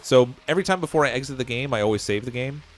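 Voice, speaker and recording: Rapid-fire and expressive, a man with a mid-range voice rambles casually through a game livestream, often breaking into chuckles. There's a slight hiss or hum, and he's losing his voice.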